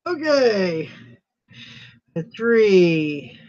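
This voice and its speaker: A woman's voice: mid-range voice, very animated, a little mellow. A woman hosting a casual live-stream auction, chatty and laughing often. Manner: chatty, laughs often, drawn-out slow delivery. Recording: dull lo-fi livestream audio.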